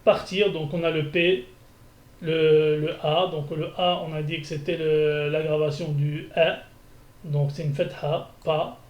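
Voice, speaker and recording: A man's voice: a little high, flat delivery, a little slow, a little mellow. A man teaching a beginner Arabic lesson, thinking aloud as he corrects exercises, with frequent restarts. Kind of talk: screencast lesson. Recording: echoey room, faint ambience.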